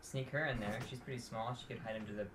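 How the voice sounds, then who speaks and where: A young man player thinks aloud in an offhand, musing way. His voice sits at an average pitch. Noticeable background noise runs under the recording. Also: steady tone, quick pace. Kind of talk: casual chat at a game table.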